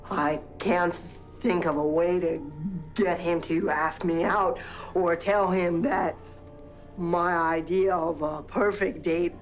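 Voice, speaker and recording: An actor playing an awkward, childlike, lovestruck man in a film, speaking in a halting, earnest way. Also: high voice. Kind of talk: naturalistic film acting.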